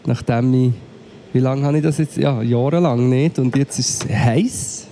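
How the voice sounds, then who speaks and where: A man's voice: mid-range voice, normal speed, mellow, slight background noise. A man with a Swiss German accent, sick at home, chatting casually as a podcast co-host and complaining about the call connection. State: sick and coughing. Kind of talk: casual chat over a remote call.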